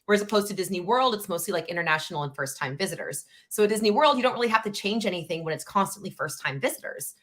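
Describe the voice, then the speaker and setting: A woman's voice: lowish voice, animated, rapid-fire, hardly any pauses, fairly bright tone. A young woman co-hosting a podcast, chatty and matter-of-fact in casual conversation. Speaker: podcast co-host. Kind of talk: casual chat.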